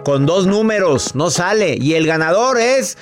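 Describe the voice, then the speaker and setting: A man's voice: high-pitched, lively intonation, a little slow, soft background music. A man hosting a radio advice show, joking with his team and giving callers direct, caring advice. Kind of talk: casual advice talk.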